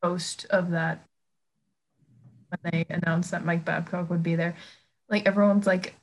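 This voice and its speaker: A woman's voice: on the low side, little pitch movement, a little slow, vocal fry, poor audio. A young woman in a casual hockey chat, dropping wry quips.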